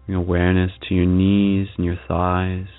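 A man leading a guided meditation in a soft, calming, unhurried manner with long pauses. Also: sits low, clear, resonant tone, narrow, tinny audio. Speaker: meditation guide, show host. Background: music.

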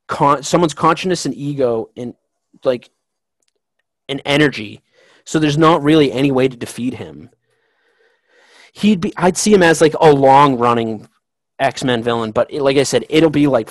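A man co-hosting a casual podcast, rambling excitedly about comic villains with frequent restarts. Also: medium pitch, dry recording, poor audio. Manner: rambling, excitable fan talk with many restarts. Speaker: podcast co-host. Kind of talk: casual chat.

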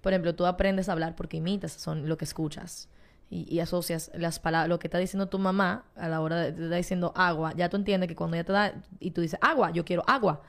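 A woman's voice: on the low side, fairly even intonation, fast talker. A woman in her twenties with a Dominican accent, a podcast guest explaining things in a chatty, casual way. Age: 20s. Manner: chatty and explanatory, laughs often. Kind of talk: casual chat.

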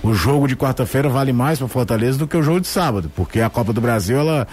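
A man's voice: mid-range voice, lively intonation, fast, a little mellow, breathy edge. A man giving conversational, explanatory football analysis on the radio, repeating words to build his points. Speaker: sports commentator.

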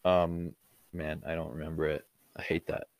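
A man's voice: rumbling low, flat delivery, creaky, no room sound. A man in a casual podcast chat who agrees readily and chimes in often. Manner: agreeable, quick to chime in with "yeah".

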